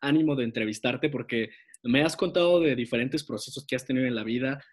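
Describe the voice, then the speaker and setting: A man's voice: mid-range voice, fast. A man hosting an interview podcast, praising his guest and asking open questions. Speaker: podcast host.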